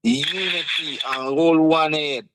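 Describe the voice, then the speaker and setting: With background noise in the clip, a man with a Guyanese Creole accent speaks slowly in a voice on the high side with fairly even intonation. As co-host of a casual conversation, he sincerely lays out points through examples, frequently adding "you understand".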